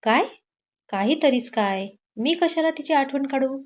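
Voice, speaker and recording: A woman's voice: high-pitched, animated, measured pace. A woman voicing a lovesick troubled young man. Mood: weary. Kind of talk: Marathi audio story narration.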